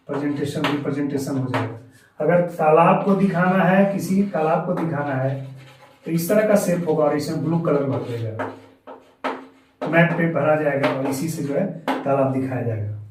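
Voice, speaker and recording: A man teaches a school geography lesson in a patient, step-by-step way, restating each key term in Hindi and English. His voice sits fairly high for a man and comes from a little way off the mic. The room around him is heavily echoey. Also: darkish tone, recorded from a distance, a little hiss or hum.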